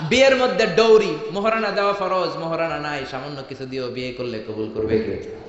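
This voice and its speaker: Bangladeshi guy preaching, fairly high voice, big echoey hall, kinda muffled. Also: fairly quick. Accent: Bangladeshi Bengali. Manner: call-and-response, rousing, swings between loud and soft. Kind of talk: sermon. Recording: echoey hall, dull sound.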